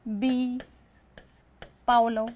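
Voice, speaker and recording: A woman teaching an online exam-prep lecture, firing quick questions, repeating each answer and calling her students "beta". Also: fairly high pitch, little pitch movement, darkish tone, slight background noise.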